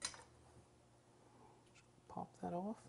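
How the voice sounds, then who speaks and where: Working in a spacious kitchen, this forties-aged cooking show host talks while he cooks, chatty and full of enthusiasm. He speaks extremely slowly in a slightly bright voice, with a bit of background noise in the recording.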